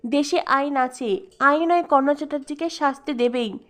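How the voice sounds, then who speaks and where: A woman's voice: sits high, moderate pace, fairly bright tone. A woman reading the lines of a confident, protective older sister in a retold serial. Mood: assertive.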